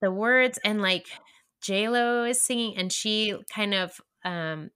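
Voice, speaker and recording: A young woman co-hosting a podcast in casual chat, earnest and halting, with many fillers and restarts. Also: medium pitch, sharp tone, clean tone. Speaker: podcast co-host.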